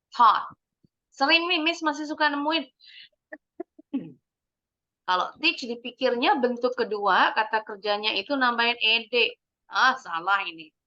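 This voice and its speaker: A woman English teacher leading a kids' lesson, slowly modeling words for the class to repeat, mixing English phrases into her explanations and praising answers. She clears her throat often. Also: a little high, pushed and bright, dull audio. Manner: encouraging praise after answers. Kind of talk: online English lesson for kids.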